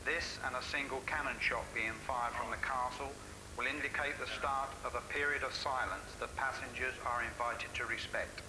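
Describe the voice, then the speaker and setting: A man reading a formal public address announcement over a port loudspeaker, measured and official. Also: mid-range voice, steady tone. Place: ferry port terminal. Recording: echoey loudspeaker with hiss.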